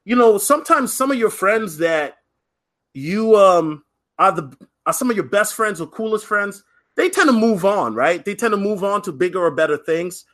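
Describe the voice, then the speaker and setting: A man's voice: high voice, normal speed. A man telling a personal story in a casual podcast monologue, chatty, with many fillers and restarts and frequent "right?". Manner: lively, acts out other people's lines. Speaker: podcast host.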